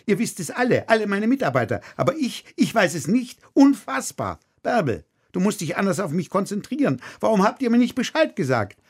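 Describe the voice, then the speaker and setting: A man's voice: measured pace, gravelly, a little mellow, slightly rough, heavily acted. A man reading aloud from his book, putting on an irate elderly male theatre director who repeats his questions. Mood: indignant. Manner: furious, shrill, repeats questions.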